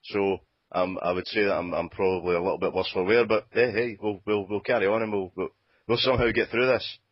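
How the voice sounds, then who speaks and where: A man with a broad Scottish accent hosting a casual comic podcast, halting and often repeating his words. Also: on the low side, fairly even intonation, no echo. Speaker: podcast host. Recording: dull, lo-fi voice-call audio.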